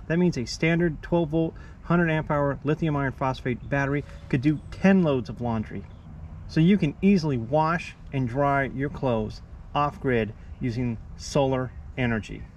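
A man's voice: mid-range voice, dull audio, a little hiss or hum. A man in his forties, an off-grid homestead vlogger, explaining his gear step by step in a chatty, upbeat way while sitting outdoors beside his house. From United States. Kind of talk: casual how-to vlog. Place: outdoors by a house wall in a backyard.

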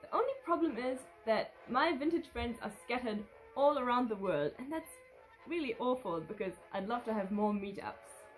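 A young German woman in her twenties, a vintage fashion vlogger, chats from her living room with its red curtain and sofa, reading out fan questions and answering spontaneously. She sounds a little high and expressive at normal speed, with faint music behind her on low-quality audio.

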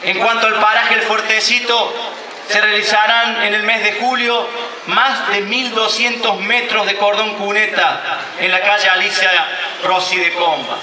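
A man's voice: sits high, flat delivery, unhurried, background noise. Declaiming Argentine man at an outdoor podium. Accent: Argentine Spanish. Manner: declamatory, reading a prepared speech. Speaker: mayor. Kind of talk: formal public speech. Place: outdoor covered stage at a public ceremony. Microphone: stand mic at a lectern. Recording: echoey outdoor PA sound from far off.

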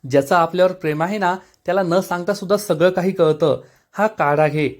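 A man reading out the lines of a gentle, caring young elder sister in a calm, explaining way. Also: high-pitched, brisk, lightly acted.

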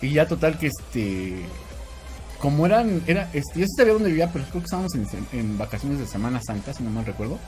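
Mexican male host, somewhat high voice that swings a lot, laughs and swears, faint music underneath. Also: fast. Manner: animated, laughs often, swears freely. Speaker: podcast host. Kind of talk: casual storytelling chat.

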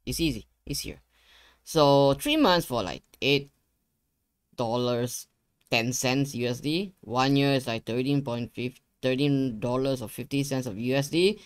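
Sitting at a desk in an indoor gaming room, a casual young man runs a screen-share tutorial. His medium-pitched voice is smooth and measured, and he repeats phrases and speaks straight to viewers. The sound is dry, with no echo.

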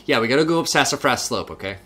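A man's voice: mid-range voice, animated, rapid-fire, pushed and bright, breathy edge. A young man casually joking and riffing while commenting on gameplay with a friend. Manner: jokey, riffing banter. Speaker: let's play co-host.

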